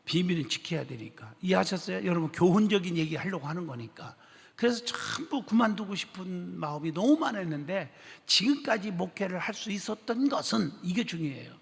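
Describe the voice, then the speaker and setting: High, gravelly-voiced male pastor preaching. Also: brisk. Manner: animated storytelling, acting out quoted speech, questioning the congregation. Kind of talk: sermon. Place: church sanctuary. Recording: long church-hall reverb.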